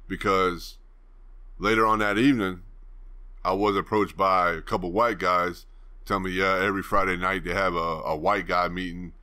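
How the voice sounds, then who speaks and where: Man, deep voice, crisp bright tone, laid-back rambling storyteller, casual swearing. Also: level tone, normal speed. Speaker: channel host.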